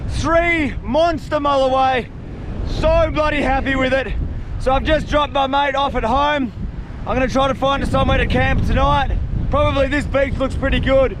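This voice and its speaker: A man with an Australian accent and a hoarse voice lost from screaming, giving an excited vlog talk to camera outdoors. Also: very high-pitched, normal speed. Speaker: fishing and camping vlogger. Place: outdoors on a windy beach. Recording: windy outdoor mic, loud wind noise.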